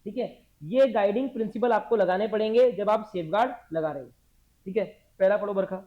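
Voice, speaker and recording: A man's voice: high-pitched, a little fast. Guy teaching, dictates notes n quizzes the class over and over, muffled recording. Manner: drills the class with repeated questions.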